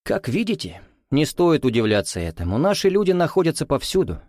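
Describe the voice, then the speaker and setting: A man's voice: fairly high pitch, big pitch swings, a little fast, a little mellow, no room sound, clean studio sound, pitched above the performer's own voice. A man doing a smug, drawling lodge commander. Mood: mocking. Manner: reproachful drawl, condescending. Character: suave, smug male lodge commander, mocking.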